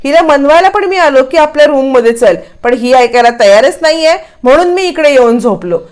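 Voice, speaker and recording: A woman's voice: high voice, animated, a little fast, a little mellow. A woman voicing a young married man who pleads and complains to his mother, in a spoken retelling of a TV serial. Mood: pleading.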